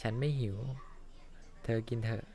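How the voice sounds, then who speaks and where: A man voicing a kind young fisherman in a fan-dubbed cartoon, speaking in a soft, caring, reassuring way. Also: a little slow, natural voice. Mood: gentle. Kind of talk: Thai fan dub of an animated series.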